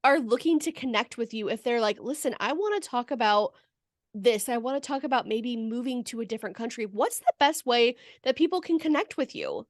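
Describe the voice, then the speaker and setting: A woman host leads a casual podcast interview, speaking in long, unbroken sentences. Her voice is a little higher than most. The recording is dry, with no room echo. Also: lively intonation, a little fast. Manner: fluent, long flowing sentences.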